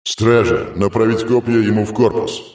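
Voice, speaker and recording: A man's voice: fairly low pitch, steady tone, moderate pace, darkish tone, lightly acted. A man playing a haughty demon prince. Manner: haughty, sneering, growling. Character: arrogant male demon prince, sin of pride.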